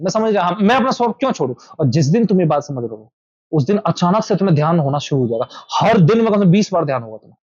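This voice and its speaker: Man, meditation teacher, somewhat high voice, repetitive instructive talk, dull dry recording. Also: warm tone, no echo. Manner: repetitive, instructive, addresses listeners directly. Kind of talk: informal spiritual talk to a small group. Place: indoor meetup room.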